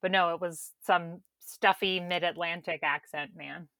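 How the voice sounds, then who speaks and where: A woman's voice: fairly low pitch, fairly even intonation, a little slow, a bit bright, no room sound, studio quality. A woman co-hosting a podcast, recapping a TV episode in casual, wry chat. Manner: wry, quotes characters in mocking voices. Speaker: podcast co-host.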